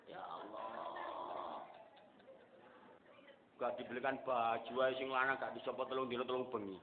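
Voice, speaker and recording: A man with a Javanese accent preaching an Islamic sermon to a congregation, swinging from hushed murmurs to loud, emphatic exclamations. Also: little pitch movement, quick pace, crowd noise. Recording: narrow phone-like sound with faint rumble.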